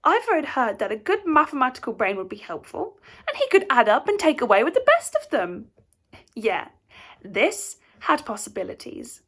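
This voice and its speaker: A woman narrating a children's tale with playful expression. Her voice sits high. Her pitch is very animated, rising and falling through each sentence. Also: moderate pace. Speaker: storyteller.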